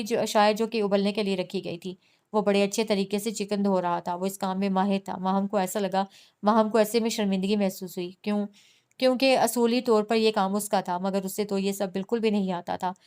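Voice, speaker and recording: A woman narrates a romantic novel for an audiobook. Her voice is smooth and clear at a middle pitch, and she keeps a steady storytelling flow. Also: fairly quick. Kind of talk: novel reading.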